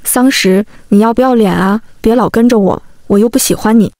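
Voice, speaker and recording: A woman's voice: a little high, a little fast, darkish tone, no echo, lightly acted. Cocky, dismissive young man in a storybook reading, as a woman narrator reads his lines, light voice, dry sound. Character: careless, cocky young man, the heroine's childhood friend.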